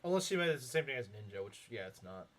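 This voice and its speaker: Quick-paced and very animated, this young man's medium-pitched voice has a slightly bright edge. He's casually commenting on a live-streamed game, reading chat, rambling with filler words and chuckling frequently.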